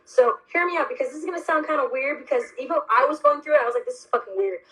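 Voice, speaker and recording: High-voiced woman telling a profane story. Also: racing, rough recording. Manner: animated, profane, emphatic storyteller. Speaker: host. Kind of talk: casual storytelling chat.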